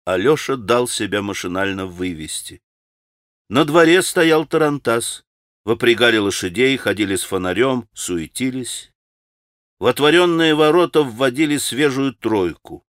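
A man narrating a classic novel as an audiobook, in a measured, expressive way. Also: medium pitch, no room sound, studio quality.

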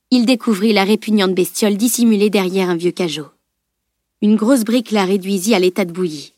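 A woman narrating an audiobook in an even, measured storytelling manner. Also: medium pitch, no room sound, studio quality.

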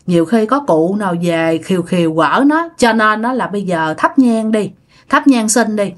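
A woman chats her way through a ghost story at normal speed, talking directly to those listening. Her mid-range voice sounds animated.

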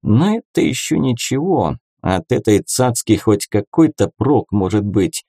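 Man, audiobook narrator, first-person, ironic conversational telling, mellow voice, dry close recording. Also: fairly low pitch, big pitch swings, unhurried, gravelly, no room sound.

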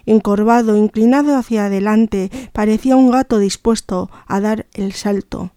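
A woman reading a story aloud slowly and carefully, now and then correcting herself. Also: medium pitch, dark tone, dry recording, clean studio sound. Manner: slow, careful reading with occasional self-corrections. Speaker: story reader.

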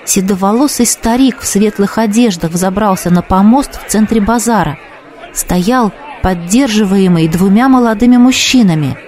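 A man with a notably high voice reads a fantasy audiobook in a measured, steady storytelling manner. A faint murmur of a crowd sits under his narration.

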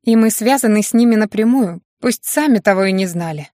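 A woman's voice: mid-range voice, fairly quick, mellow, no echo, studio quality, close to an everyday voice. A woman voicing an earnest young female student answering carefully in class.

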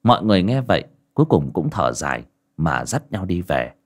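A man narrating a horror audiobook in a measured, dramatic storytelling manner. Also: low-pitched, sing-song.

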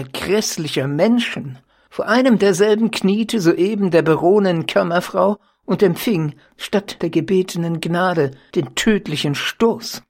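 A reader narrating an old crime story as an audiobook, in a measured, deliberate storytelling manner. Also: medium pitch, breathy edge. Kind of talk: audiobook reading.

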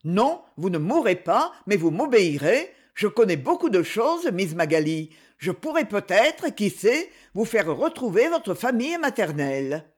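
A man's voice: sits high, big pitch swings, a little slow, few pauses, exaggerated voice. A narrator voicing a sarcastic, threatening male secretary with a cold, mocking manner. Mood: cold menace.

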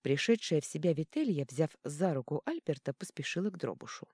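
Rich: A woman narrating an audiobook in a low, animated voice that swings widely in pitch. Her tone is dark and mellow, and the recording is close and dry. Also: brisk, breathy edge, no room sound. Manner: expressive, lively storytelling. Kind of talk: scripted narration.

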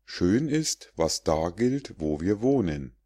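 A man narrating an audiobook of rhymed fables in a measured, deliberate way. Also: deep voice, big pitch swings, dark tone. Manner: measured, deliberate verse reading.

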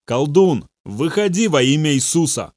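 A man's voice: fairly high pitch, sing-song, moderate pace, a little mellow, no room sound, studio quality. A man voicing a male pastor who gives firm commands during an exorcism. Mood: commanding.

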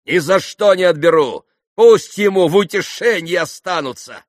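A man voicing a hot-headed young man who exclaims excitedly. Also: on the low side, slow pace, no room sound, studio quality, exaggerated voice. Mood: defiant.

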